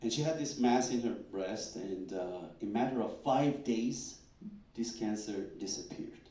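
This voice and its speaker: A male doctor speaks from a stage in a big, echoing hall, his voice a little low and mellow. He tells stories with animation and acts out other people's stammering replies. The mic sits some distance away, so the room rings around him. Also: a little slow. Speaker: doctor presenting research. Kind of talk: live talk at a fundraising event. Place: event hall.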